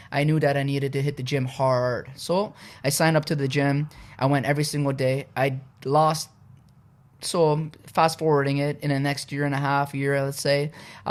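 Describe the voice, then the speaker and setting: Polish-born man telling his story. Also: medium pitch. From Poland. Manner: relaxed, frequent "uh" and "you know" fillers. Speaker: podcast guest. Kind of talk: casual conversational storytelling.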